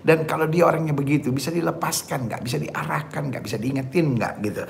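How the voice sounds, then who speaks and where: A man's voice: on the high side, fast talker, gravelly, a little hiss or hum. A man preaching a sermon, emphatic, often asking his listeners "ya kan?" and calling them "saudara-saudara". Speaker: pastor. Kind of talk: sermon on dating.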